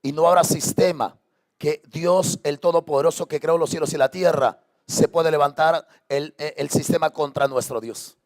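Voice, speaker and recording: Impassioned preaching man, higher voice. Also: moderate pace. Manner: impassioned preaching, repeated rhetorical questions. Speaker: pastor. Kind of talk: sermon. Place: church sanctuary.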